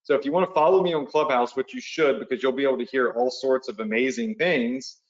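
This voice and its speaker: A man's voice: medium pitch, quick pace, roomy sound, dull audio. Chatty man hosting a live training. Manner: chatty, checks in with the audience often. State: has the hiccups. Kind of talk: casual live webinar walkthrough.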